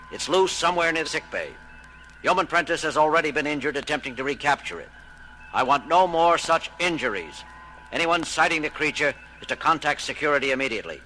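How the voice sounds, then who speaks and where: An actor playing an exasperated, authoritative starship captain in an audio drama, giving clipped orders. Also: male voice, fairly high pitch, sharp tone, poor audio. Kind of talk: dramatic audio theater acting. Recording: music under the voice.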